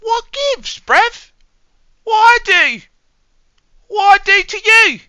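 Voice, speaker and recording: A man voicing a touchy, indignant British bloke in a shrill, cartoonish, very high-pitched voice. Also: animated, slow pace, sharp tone, no room sound, clean studio sound, exaggerated voice. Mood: outraged. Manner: indignant exclamations. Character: squeaky indignant British bloke, touchy and quick to take offense.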